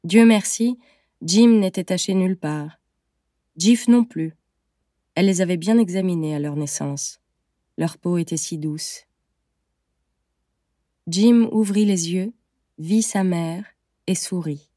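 A woman narrates an audiobook in a low, mellow voice, measured and gentle. The recording is dry and close, with no room sound. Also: dry recording.

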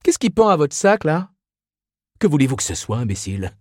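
Guy putting on a pompous bellowing big fella, pitched up, preachy, indignant. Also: very animated, a little fast, a little mellow, breathy edge, no echo, clean studio sound. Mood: haughty. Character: pompous bellowing huge young man, haughty.

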